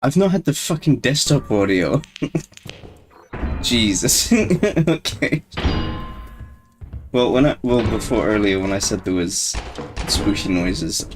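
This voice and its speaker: A man's voice: fairly low pitch, lively intonation, slow, long pauses, soft background music. A man streaming a game alone, rambling in casual commentary and laughing at himself often. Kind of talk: casual solo gameplay commentary.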